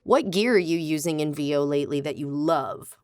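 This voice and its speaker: A woman hosting a podcast who asks a guest questions in a lively way. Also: low voice, brisk. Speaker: podcast host. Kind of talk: interview questions and narration.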